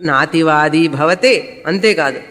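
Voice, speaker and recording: A woman's voice: deep voice, takes it slowly, fairly bright tone, in a large hall. A woman spiritual teacher giving a scripture lecture, explaining Sanskrit verses word by word and asking rhetorical questions that she answers herself.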